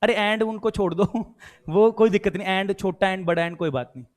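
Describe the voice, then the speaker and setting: A man's voice: high-pitched, normal speed. A man with an Indian accent teaching a law class, quizzing students and mixing Hindi with English. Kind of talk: online class lecture.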